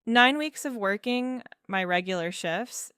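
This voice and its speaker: A woman in her thirties narrating a first-person story in a measured, wry way. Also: mid-range voice, expressive, a bit bright, smooth, no echo, studio quality. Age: 30s. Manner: measured, wry, with fillers and small laughs.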